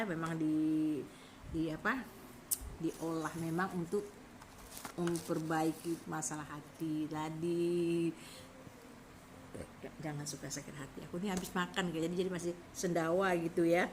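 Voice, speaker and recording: A middle-aged woman with a fairly low voice talks in a loose, rambling way on a live stream and keeps calling out to her viewers. A faint hiss of noise sits behind her. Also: fairly bright tone. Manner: chatty, rambling, addresses viewers as guys. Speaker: live-stream product seller. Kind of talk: casual live-stream sales chat.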